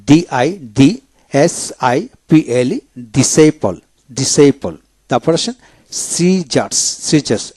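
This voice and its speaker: A man teaching English spelling in a video lecture, slowly spelling each word letter by letter and repeating it. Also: on the high side, darkish tone, no room sound. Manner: slow and drilling, spells words letter by letter and repeats them.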